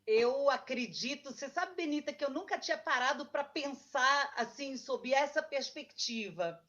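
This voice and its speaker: A woman's voice: high voice, expressive, moderate pace, a bit bright, dull audio. A woman from Argentina, a guest author, chatting casually and reminiscing about her childhood. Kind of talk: casual interview chat.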